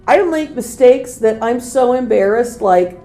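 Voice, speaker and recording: A woman's voice: a little high, expressive, a little slow, mellow, faint music behind. A woman co-hosting a podcast, chatting casually and leading the discussion with a self-deprecating manner. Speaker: podcast co-host. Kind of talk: casual chat.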